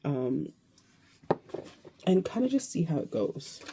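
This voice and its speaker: A woman in her thirties talking to camera in a casual, reflective vlog, hesitant and searching, with many pauses and restarts. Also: low-pitched, very animated, background noise. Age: 30s. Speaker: vlogger.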